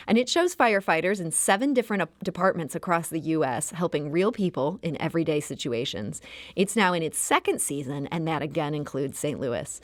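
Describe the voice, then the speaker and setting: A woman's voice: deep voice, no echo. A woman hosting a radio talk show, reading introductions and putting questions to guests. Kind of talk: scripted introductions and interview questions.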